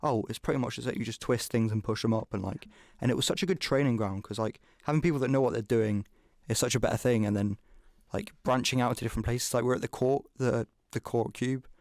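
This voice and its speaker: A man's voice: mid-range voice, fast talker, hardly any pauses, darkish tone, no room sound, studio quality. A young man hosting a podcast, rambling casually and saying "like" a lot. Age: young adult. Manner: rambling, full of "like". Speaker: podcast host.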